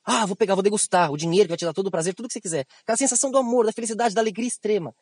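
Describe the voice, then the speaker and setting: A man with a Brazilian Portuguese accent giving an esoteric spiritual monologue as a teacher, animated and slangy, acting out other people's words in raised voices. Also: high-pitched, racing, no room sound.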